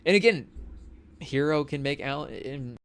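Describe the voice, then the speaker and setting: Young male podcast co-host, slightly high voice, casual rambling sports chat with jokey asides to live viewers. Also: animated, moderate pace, clear, resonant tone. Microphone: studio mic on a live stream.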